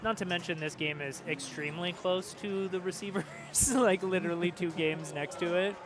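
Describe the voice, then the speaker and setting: Man co-commentator, slightly high voice, chatty pinball play-by-play, laughs a lot. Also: steady tone, moderate pace. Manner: chatty, self-deprecating, laughs often. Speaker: co-commentator at a pinball tournament stream. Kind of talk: casual live play-by-play commentary. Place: pinball arcade bar.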